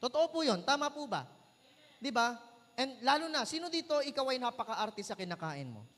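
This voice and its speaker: A Filipino man preaches in a high, bright, ringing voice that trails off into a church hall's long reverb. He switches easily between Tagalog and English. He keeps asking the congregation questions and joking with them. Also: very animated, moderate pace. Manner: playful, jokes with the crowd. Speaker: pastor. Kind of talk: sermon. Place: large church hall.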